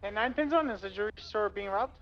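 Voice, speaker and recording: A man playing a police officer, giving brisk cautions over a walkie-talkie. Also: sits high, vocal fry, highs cut off.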